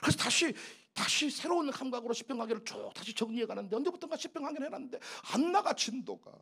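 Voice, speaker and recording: A high-voiced man preaching a sermon, his tone husky and full of swooping pitch. He is a pastor who talks emphatically, laughs often and acts out little exchanges for the congregation. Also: lively intonation, quick pace, pushed and bright. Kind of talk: animated sermon.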